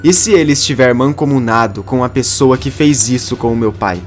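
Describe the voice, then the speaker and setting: A man's voice: medium pitch, brisk, faint music behind, natural voice. A man voicing a grieving, determined young daughter in a narrated soap opera summary.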